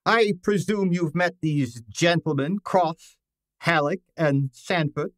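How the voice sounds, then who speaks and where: In an old-time radio drama, a man plays a commanding, fussy detective genius, speaking formally and deliberately with pompous, imperious authority. His voice is a little high, and the studio-quality recording has no echo.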